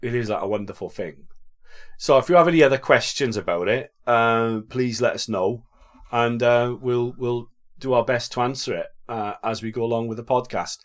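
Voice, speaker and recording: A man's voice: mid-range voice, moderate pace. A man with a South Wales accent, hosting a podcast as a vicar and explaining faith casually in a chatty, jokey, informal way.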